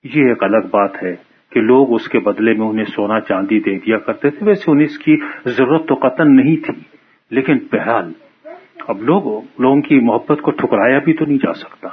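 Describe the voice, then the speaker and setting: A man retelling a translated story from memory in a lively, conversational way. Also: mid-range voice, slight background noise. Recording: muffled phone-like radio sound.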